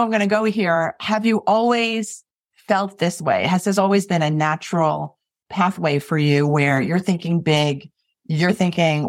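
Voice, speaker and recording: A woman's voice: on the low side, no echo, clean studio sound. A woman hosting an interview who responds with affirming, encouraging remarks and easy laughter. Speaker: interviewer, host. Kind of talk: conversational interview.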